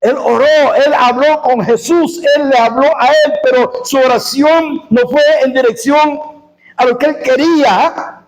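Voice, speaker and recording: A male preacher delivering a sermon, repeating key phrases and rising into shouted passages. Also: very high-pitched, fairly even intonation, a little slow, poor audio. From Costa Rica.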